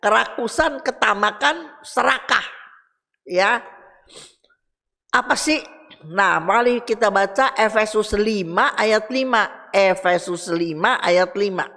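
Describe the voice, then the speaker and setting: A woman's voice: medium pitch, slow, creaky, fairly bright tone. A woman, giving a chatty Bible study talk and speaking directly to her listeners. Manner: chatty, addresses listeners directly, reads verses aloud. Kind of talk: casual Bible teaching. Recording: reverberant hall.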